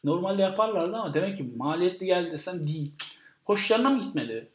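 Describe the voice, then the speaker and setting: A man's voice: high voice, expressive, fast, reverberant. A man chatting as a guest about old films, rambling with dry asides. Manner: dry, rambling film buff. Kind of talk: casual podcast chat.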